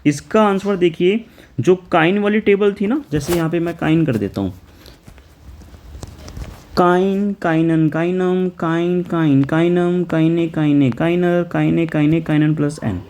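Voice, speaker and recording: A man works through a German exam paper, reading out each question and explaining the answer step by step. He chants the article forms aloud in a steady classroom rhythm. His voice sits a little high but sounds dark and mellow. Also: a little slow, a little hiss or hum. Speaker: German language teacher.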